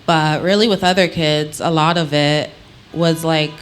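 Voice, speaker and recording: Woman, Antiguan accent, low register, candid interviewee telling her own story, light ambient noise behind her. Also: fairly even intonation, unhurried. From Antigua, Caribbean. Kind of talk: reflective personal storytelling in conversation.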